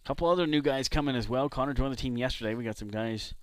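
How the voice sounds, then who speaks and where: A man from San Diego doing play-by-play commentary for a baseball game, chatting between pitches. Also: fast, clear, resonant tone, dry recording. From San Diego, California. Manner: relaxed, chatty between pitches, jumps up loud on big hits. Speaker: play-by-play announcer.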